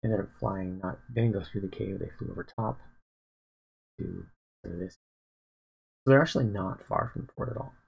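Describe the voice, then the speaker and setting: Sleepy man, DM type, heavy vocal fry, raspy tone, halting thinking-aloud delivery. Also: deep voice, muffled recording. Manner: rambling, halting, many fillers and restarts. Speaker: dungeon master planning a campaign. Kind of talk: casual livestream, thinking aloud.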